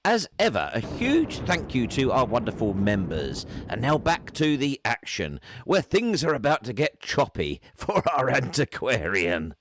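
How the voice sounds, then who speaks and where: A man delivers a scripted voiceover with dry, mock-formal solemnity. His pitch moves in a lively, animated way. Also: a little slow, hardly any pauses, slight background noise. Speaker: narrator.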